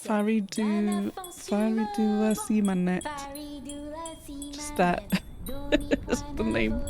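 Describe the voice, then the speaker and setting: A woman streamer chatting playfully with her viewers while she draws, laughing often. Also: a little high. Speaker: streamer sketching game characters. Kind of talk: casual live-stream chat with viewers. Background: music playing in the background.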